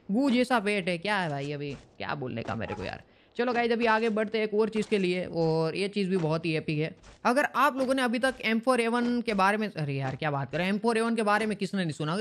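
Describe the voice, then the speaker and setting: A man's voice: high-pitched, a little hiss or hum. Chatty man hosting a gaming vlog. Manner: chatty, colloquial, keeps rephrasing himself; addresses viewers as brother and guys. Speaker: gaming channel host. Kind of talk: casual gaming update vlog.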